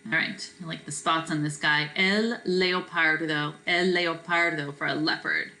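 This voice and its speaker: A woman teaching a Spanish vocabulary lesson in a relaxed, chatty way, often checking in with "right?" and filling pauses with "um.". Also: low-pitched, a little hiss or hum, low-quality recording. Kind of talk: recorded classroom vocabulary lesson.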